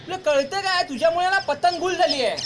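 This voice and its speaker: An actor playing a bossy young elder brother who boasts and scolds while flying kites on a rooftop in a short film. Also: male voice, very high-pitched, fairly quick. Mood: scolding. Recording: noisy outdoor location sound.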